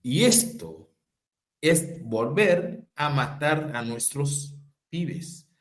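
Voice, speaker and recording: A man from Haiti speaks as a political activist, emphatic and repeating phrases for rhetorical weight. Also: medium pitch. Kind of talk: impassioned political talk.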